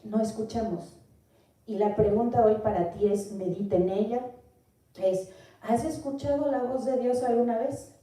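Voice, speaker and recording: A woman's voice: fairly high pitch, fairly even intonation, normal speed, warm tone. A woman from Mexico with a Mexican Spanish accent, giving an earnest Bible teaching and asking the listener questions. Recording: echoey room, voice from far off.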